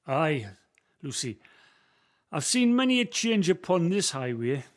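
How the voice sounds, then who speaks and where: Very animated and a little slow, a slightly high male voice brings Billy to life. An actor with a Northumbrian accent plays this elderly local guide, who walks a visitor through the valley's history in a community radio play. His folksy storytelling is full of broad dialect.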